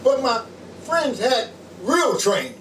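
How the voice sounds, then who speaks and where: A man, a pastor, preaching a sermon in short slow phrases, pausing so an interpreter can translate. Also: very high voice, sing-song. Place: small home church. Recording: echoey room from far off, loud room noise.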